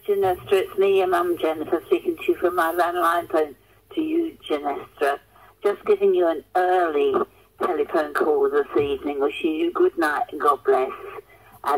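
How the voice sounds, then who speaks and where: A woman's voice: sits low, moderate pace, slightly rough, poor audio. An older woman leaving a voicemail for her grown child, heard played back over a landline phone. She talks in an earnest, repetitive way and keeps restating names and good wishes.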